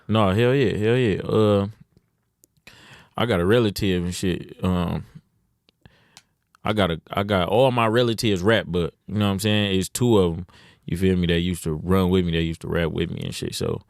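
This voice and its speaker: A man's voice: deep voice, animated, normal speed, vocal fry, no echo, studio quality. A young man from Detroit, a rapper talking as a podcast guest in laid-back slang, dropping "you know what I'm saying" often. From Detroit, USA. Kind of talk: casual interview.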